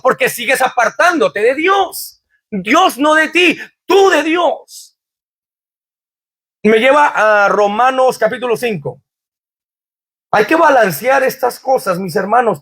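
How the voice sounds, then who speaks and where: A man's voice: extremely high pitch, fairly bright tone, husky. A man preaching a sermon in a church as pastor, quoting scripture fervently and asking the congregation rhetorical questions.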